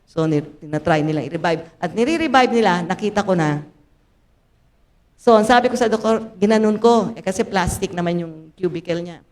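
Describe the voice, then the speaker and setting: An older woman pastor with a Filipino accent, preaching a sermon in a church, mixing Tagalog and English, speaking straight to her congregation and rising suddenly into loud, dramatic lines. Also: lowish voice, normal speed. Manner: addresses the congregation directly, asking them to raise hands.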